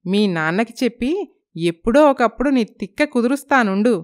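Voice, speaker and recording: A woman's voice: fairly high pitch, lively intonation, a little fast, lightly acted. A woman voicing an elderly village grandmother who scolds and teases her neighbor's granddaughter. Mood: teasing. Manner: scolding, teasing, affectionate.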